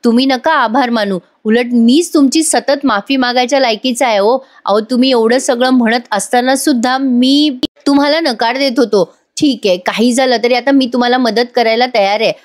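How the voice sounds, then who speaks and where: A woman's voice: on the high side, normal speed, few pauses, natural voice. A woman voicing a remorseful young father who pleads and blames himself, in a TV serial recap. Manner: pleading, apologetic.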